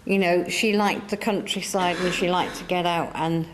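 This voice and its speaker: An English spiritualist medium addresses a church audience in a church hall, chatty and coaxing, circling back and repeating herself. Her voice is on the low side with fairly even intonation at a normal speed, and the audio is poor.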